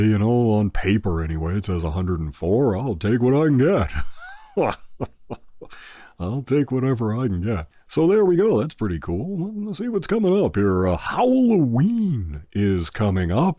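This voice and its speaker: Full of ums and uhs, a movie review channel host rambles easily through a casual, podcast-style chat on his own channel. His voice is deep and warm, with no room sound and the highs cut off.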